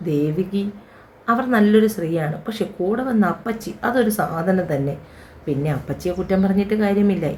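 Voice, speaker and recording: Woman voicing a gentle retired uncle. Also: sits high, a little hiss or hum, natural voice. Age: older.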